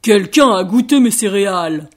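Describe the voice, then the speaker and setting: Woman doing a loud gruff papa bear. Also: expressive, moderate pace, natural voice. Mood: indignant. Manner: loud, booming.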